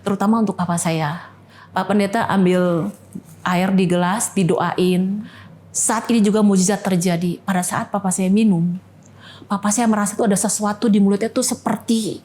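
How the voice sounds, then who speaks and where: A woman's voice: mid-range voice, mellow. Earnest woman telling her faith story. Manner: earnest storytelling, acts out quotes. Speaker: testimony guest. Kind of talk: personal faith testimony.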